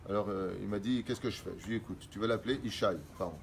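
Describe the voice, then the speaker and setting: A middle-aged man, a rabbi, teaching religious law and explaining quickly read Hebrew sources in French. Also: fairly low pitch, a little hiss or hum.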